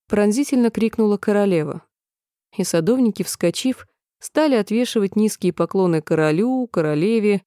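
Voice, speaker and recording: Brief: woman audiobook narrator, mellow dark tone, dry close mic. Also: medium pitch, no room sound. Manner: calm, measured reading with voiced characters.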